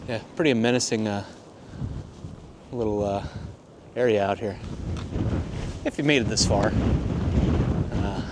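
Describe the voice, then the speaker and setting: A man's voice: on the low side, a little slow, long pauses. Laid-back, self-deprecating male photographer vlogging mid-walk; heavy wind hitting the mic outdoors. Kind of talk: casual walk-and-talk vlog. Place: outdoors on a cold, windy morning walk.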